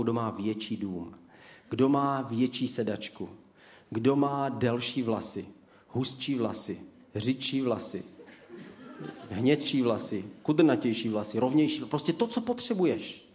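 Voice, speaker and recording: A man preaches an ironic sermon. He hands out sarcastic mock advice and tells his stories with lively, animated energy. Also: mid-range voice.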